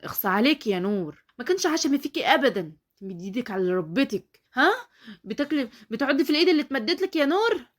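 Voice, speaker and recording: Female reader doing a cruel Egyptian stepmother, rapid and shrill, storybook reading. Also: sing-song. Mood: reproachful. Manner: spiteful, shrill cursing.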